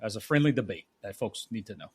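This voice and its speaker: A man's voice: on the low side, animated, quick pace, slightly rough, no echo. A man co-hosting a casual podcast who chimes in with dry wisecracks. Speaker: podcast co-host. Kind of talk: casual chat.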